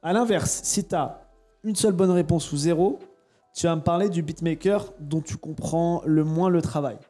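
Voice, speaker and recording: A man's voice: on the high side, normal speed, warm tone, faint music behind. Playful man hosting a quiz. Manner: playful, teasing quizmaster. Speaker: podcast host. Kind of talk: casual quiz chat.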